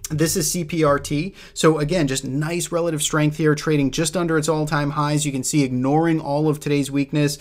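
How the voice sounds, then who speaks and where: A man's voice: fairly high pitch, fairly even intonation, fairly quick, hardly any pauses. Casual Boston man walking through charts. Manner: casual, loose, thinks aloud with frequent restarts. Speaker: host presenting stock trade ideas. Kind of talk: chart walkthrough commentary.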